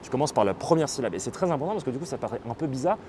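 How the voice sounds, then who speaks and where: Mellow-voiced man hosting a late-night stream. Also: medium pitch, sing-song, rapid-fire, slight background noise. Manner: explanatory, hesitant, with many fillers. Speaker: livestream host. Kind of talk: casual live-stream chat.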